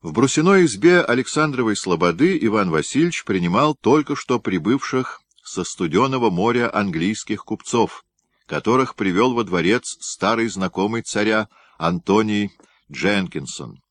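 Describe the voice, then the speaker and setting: A male audiobook narrator with a very low voice reads a historical novel. His delivery is measured and descriptive, lingering on scenery. The recording is dry, with no room sound. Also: expressive, no echo.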